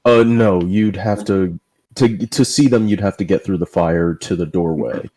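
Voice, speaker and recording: A man running a tabletop role-playing game as dungeon master, relaxed, explaining the rules and thinking aloud. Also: low-pitched, normal speed.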